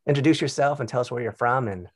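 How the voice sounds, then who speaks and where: A man's voice: mid-range voice, fast, no echo, clean studio sound. A man, a school counselor, hosting a podcast interview with an upbeat, encouraging manner.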